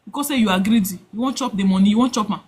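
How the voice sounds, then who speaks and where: A woman's voice: medium pitch, very fast, a little mellow, husky. A woman with a Nigerian accent hosting a live call-in, giving casual spiritual advice in Nigerian Pidgin mixed with English.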